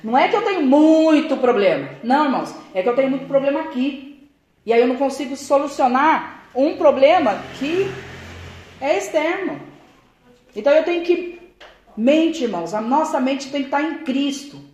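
A woman's voice: high-pitched, animated, moderate pace, darkish tone, echoey room. An older woman, preaching a testimony-style sermon. She keeps addressing the congregation as brothers and acts out remembered conversations. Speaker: church preacher. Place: church.

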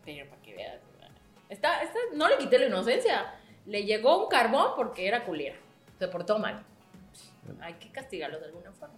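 A woman's voice: mid-range voice, brisk, echoey room, faint music behind. A woman with a Mexican accent co-hosting a casual podcast, laughing often and swearing freely as she tells stories. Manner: laughing, swearing, lively storytelling. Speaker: podcast co-host.

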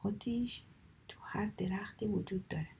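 A woman whispering a children's folk tale aloud in a soft, calm reading manner. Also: medium pitch, gravelly, husky. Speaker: storyteller. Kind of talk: whispered storytelling.

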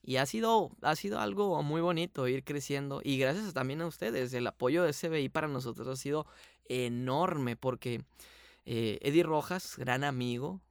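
On a laid-back podcast, a guest from Sonora who works as a voice actor and production manager speaks with earnest gratitude and long explanations in Sonoran Mexican Spanish. He has a medium-pitched, creaky yet clear and resonant voice at a moderate pace, recorded cleanly in a studio with no room sound.

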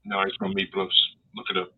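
A man chats casually as a guest, laid-back, joking and swearing lightly. His voice is low and husky. He comes through a tinny, phone-like line. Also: completely flat delivery, a little fast. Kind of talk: casual chat.

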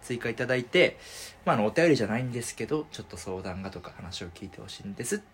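A man's voice: medium pitch, expressive, racing, fairly bright tone, slight background noise. A man co-hosting a casual podcast, easygoing, laughing often and explaining things plainly. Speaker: podcast co-host. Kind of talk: casual chat.

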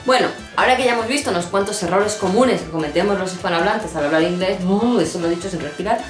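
A woman's voice: mid-range voice, fast, roomy sound, over music. A woman, co-hosting a casual English lesson in a playful, joking manner. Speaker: co-host teaching English.

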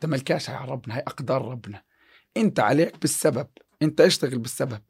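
A man's voice: mid-range voice, very fast, gravelly, darkish tone, husky. A man, chatting on a podcast about success and faith, quoting scripture with many restarts. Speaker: podcast guest, chemistry teacher. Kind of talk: casual podcast chat.

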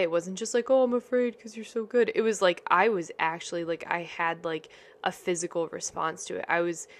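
A woman in her twenties hosting a podcast, telling stories in a chatty, upbeat way with lots of "like" and "you know.". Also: lowish voice. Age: 20s. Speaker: podcast host. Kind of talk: casual storytelling podcast.

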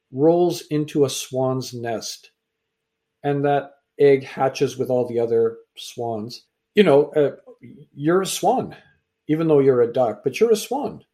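A man's voice: on the high side, dark tone. A middle-aged man, born in England and raised in Canada, telling his story as an interview guest and acting out the exchanges he quotes. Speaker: author and guest. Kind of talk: conversational interview.

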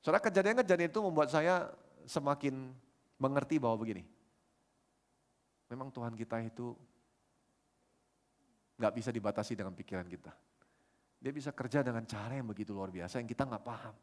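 Animated storytelling male preacher. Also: medium pitch, fairly quick, long pauses. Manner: storytelling, animated, acts out quoted dialogue. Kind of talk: sermon. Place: church service.

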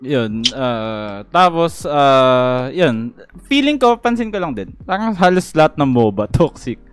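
A joking man with a smooth, resonant voice that jumps around lively in pitch. He talks about games playfully, mixing Filipino and English. Faint music runs underneath. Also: slow. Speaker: guest. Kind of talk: casual gaming podcast chat.

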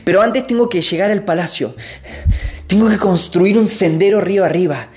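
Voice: medium pitch, moderate pace, darkish tone, pitched above the performer's own voice, lightly acted. A storyteller voicing a driven, busy brother stacking stones, curt and preoccupied.

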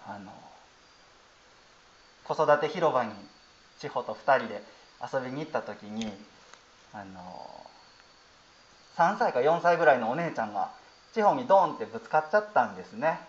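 A man in his thirties with a Kansai accent, a Buddhist priest giving a gentle, storytelling dharma talk with many fillers. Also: fairly high pitch, very animated, normal speed, long pauses, slight background noise. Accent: Kansai Japanese. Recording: roomy, slightly dull audio.

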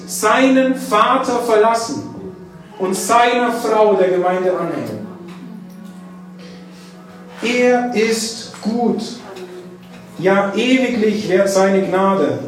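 A man preaching a sermon, dwelling on key phrases with drawn-out emphasis. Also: sits high. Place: church hall. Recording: echoey church hall, mic at a distance.

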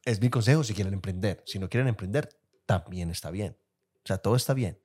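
Husky man gushing on podcast. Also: fairly low pitch, brisk, a little mellow. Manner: gushing, repeats phrases, calls others "amor". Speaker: podcast co-host. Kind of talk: casual podcast chat.

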